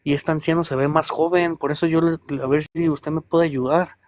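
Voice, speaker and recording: A man's voice: a little high, fairly even intonation, brisk, a little mellow, dry recording. A man, calling in to tell a personal experience, rambling and hesitant as he talks straight to the listener. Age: 30s. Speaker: caller.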